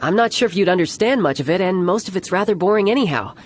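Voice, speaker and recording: A man playing a cocky young warrior commander and doting big brother in a video game, with a theatrical, smooth-talking, authoritative manner. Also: high-pitched, animated, quick pace, slight background noise. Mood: casual, placating. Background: background music.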